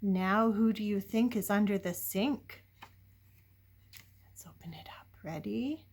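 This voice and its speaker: Reading a picture book to young children, an older woman uses a slightly rough, medium-pitched voice and an unhurried pace. She keeps it playful and dramatic, asking the listeners questions and dropping to whispers before bursting into loud exclamations.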